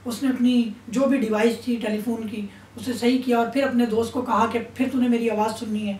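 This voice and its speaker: A woman's voice: fairly high pitch, steady tone, darkish tone, slight background noise. A woman giving an Islamic sermon in a stern, admonishing tone. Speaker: religious speaker. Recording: roomy echo, distant mic.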